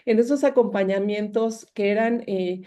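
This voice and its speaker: A woman with a mellow, warm tone hosts a book club chat. She asks her question haltingly, with many fillers along the way. She sounds like she is on a video call. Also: medium pitch. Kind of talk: interview question.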